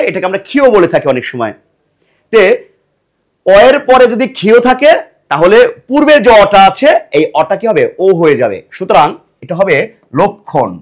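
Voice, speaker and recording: A middle-aged man teaching a grammar lesson for exam preparation, asking the class questions and answering them himself, and repeating words to drill them. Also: sits high. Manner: lively, emphatic delivery.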